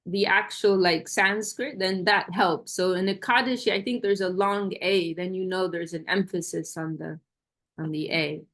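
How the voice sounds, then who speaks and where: A woman hosts an online Q&A over a video call, talking casually and hesitantly and often restarting her sentences. Her voice is on the low side, with fairly even intonation and normal speed, and her manner is warm and self-deprecating.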